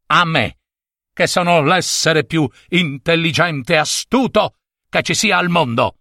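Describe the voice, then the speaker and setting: A man's voice: on the high side, a little slow, creaky, sharp tone, no echo, studio quality, exaggerated voice. A man voicing a vain, scornful female fox witch in a storybook tale, speaking in a haughty, contemptuous way.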